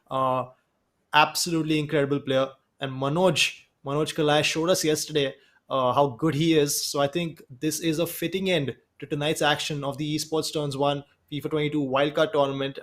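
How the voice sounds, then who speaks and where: A man with an Indian English accent giving measured, analytical color commentary on an esports football match. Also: on the high side, a bit bright.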